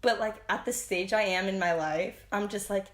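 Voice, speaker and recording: A young woman hosting a podcast in casual chat, with vocal fry, saying "like" often and laughing a lot. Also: medium pitch, normal speed, reverberant. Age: young adult. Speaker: podcast host.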